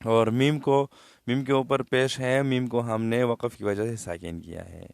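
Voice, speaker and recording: A man teaching Quran recitation rules, explaining patiently and then drawing out the words slowly to show how they should sound. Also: mid-range voice, fairly even intonation, gravelly, a little mellow, smooth, no echo, studio quality.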